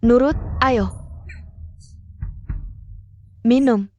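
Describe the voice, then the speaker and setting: Brief: two-faced adopted daughter, sweet and high, venom underneath, dubbed mini-drama. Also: female voice, very slow, dark tone, soft background music. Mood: coaxing. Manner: sugary coaxing turning cold and mocking. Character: scheming adopted daughter, young woman, falsely sweet.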